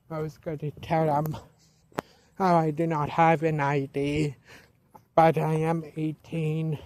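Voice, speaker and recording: An eighteen-year-old man vlogs outdoors at night, speaking to a handheld camera in casual narration. His voice is fairly high, and he talks slowly and repetitively, often restarting sentences.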